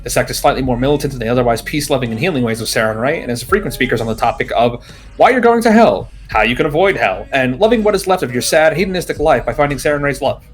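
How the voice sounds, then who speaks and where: Guy running a tabletop game, mid-pitched, smooth wry delivery, little music behind. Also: animated, fast. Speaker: game master. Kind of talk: tabletop role-play narration and character voice.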